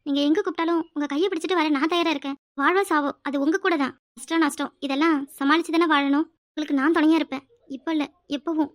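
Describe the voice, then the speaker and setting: A woman voicing a devoted young wife who speaks softly and earnestly. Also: high-pitched, fairly even intonation, fast talker, no room sound, studio quality, close to an everyday voice. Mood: tender.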